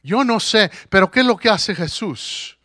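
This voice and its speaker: A man preaching a sermon, telling the story with animated character voices and rising to emphatic declarations. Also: high-pitched, a little slow, no room sound, studio quality.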